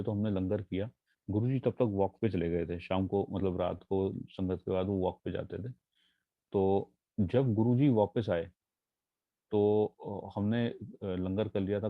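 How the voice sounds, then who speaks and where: Young male devotee, earnest and halting, dry close sound. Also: lowish voice, dry recording. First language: not Punjabi. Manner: earnest, halting storytelling with fillers and English phrases. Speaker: devotee sharing testimony. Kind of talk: personal testimony. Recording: tinny phone-like sound.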